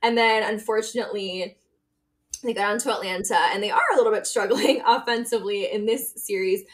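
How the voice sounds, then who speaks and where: A woman co-hosting a sports podcast in casual chat, emotional and quick to laugh. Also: mid-range voice, fairly even intonation. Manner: emotional, chatty, laughs often. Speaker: podcast co-host.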